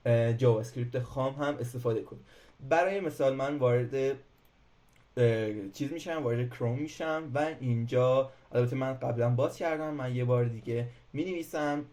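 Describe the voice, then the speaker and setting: A man's voice: mid-range voice, dark tone. A man teaching programming in a casual screen-recorded tutorial, talking hesitantly with many filler sounds and restarts. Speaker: programming instructor.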